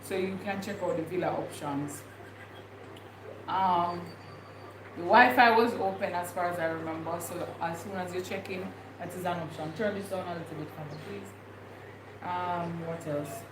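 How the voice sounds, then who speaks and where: A young vlogger with a Jamaican accent chats loosely on a livestream, thinking out loud and rambling with many fillers. She speaks on the low side, steady in tone and moderate in pace, recorded in an echoey room with distinct background noise.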